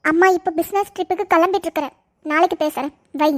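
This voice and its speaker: Brief: a woman as a cross middle-aged mom scolding her daughter on a call, very high voice. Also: steady tone, quick pace, fairly bright tone. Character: stern middle-aged mother on the phone, angry. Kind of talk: comedy sketch acting.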